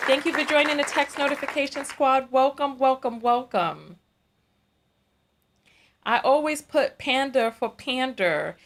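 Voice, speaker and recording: Against heavy background noise, a high-voiced woman with a New York accent runs a casual livestream. Chatty and lively, she reads viewer comments, laughs frequently, and says phrases more than once.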